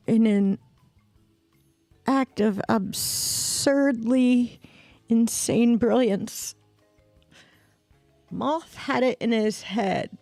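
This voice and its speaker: Slow-talking woman streamer, dry close mic. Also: gravelly, mellow, no room sound. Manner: slow, drawn-out storytelling with laughs and imitated squeak sounds. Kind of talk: casual storytelling on a game stream.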